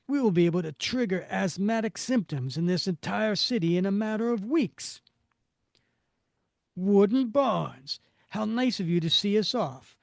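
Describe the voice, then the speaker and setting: A man's voice: fairly high pitch, darkish tone, dry recording, clean studio sound, lightly acted. A man voicing a gloating asthma monster villain with grandiose, theatrical speech.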